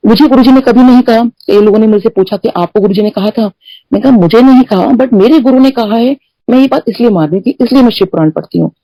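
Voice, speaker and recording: Middle-aged woman, mellow tone, dry close sound, chatty testimony full of English asides. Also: on the high side, fast, dry recording, poor audio. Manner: mixes Hindi with English phrases, many "you know" fillers; storytelling that acts out quoted dialogue. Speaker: devotee sharing personal testimony. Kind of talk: conversational satsang testimony.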